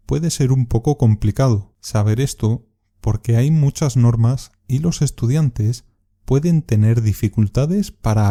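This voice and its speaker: Slow, dark-voiced man teaching Spanish. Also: mid-range voice. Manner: measured, exaggerates word stress in examples. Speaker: Spanish teacher and podcast host. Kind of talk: slow scripted podcast lesson.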